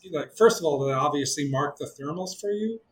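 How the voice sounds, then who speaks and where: A man's voice: fairly high pitch, fast, slight background noise, rough recording. A middle-aged man from Israel, a glider pilot, telling stories in a casual interview, full of fillers and restarts. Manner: animated, many fillers and restarts.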